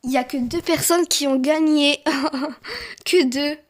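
A young woman narrating a video game as she plays, animated, often squealing and laughing. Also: high voice, slow pace. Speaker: gaming YouTuber. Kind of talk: excited let's-play commentary.

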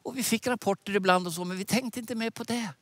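A man in his sixties preaching a sermon outdoors with animated gestures, speaking into a headset mic. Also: high voice, dry recording. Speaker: preacher and mission leader. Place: outdoors by a lake.

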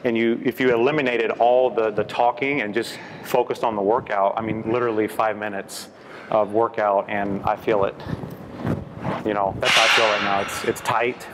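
A man's voice: lowish voice, steady tone, normal speed, a bit bright, a little hiss or hum, low-quality recording. A man trying out a workout, chatting about it in a rambling, casual way with frequent restarts. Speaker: trainee on a fitness show.

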